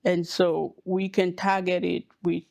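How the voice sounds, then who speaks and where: A woman from Cameroon, a hematologist oncologist, giving slow, measured explanations with pauses in a podcast interview. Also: fairly low pitch, flat delivery, creaky, darkish tone, no room sound.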